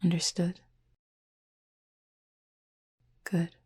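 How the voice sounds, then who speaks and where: Whispering in a breathy, husky half-whisper, a woman portrays a calm cupid roommate, proud but caring, in a roleplay meant to help listeners sleep. The acting is light, her wording formal, measured and softly teasing, and the tone soothes and reassures.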